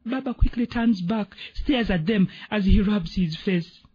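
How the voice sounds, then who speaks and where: A man reading a dramatic story aloud on the radio, acting out the characters with an expressive, husky voice. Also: unhurried. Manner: expressive, voices the characters with big pitch swings. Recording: muffled radio broadcast.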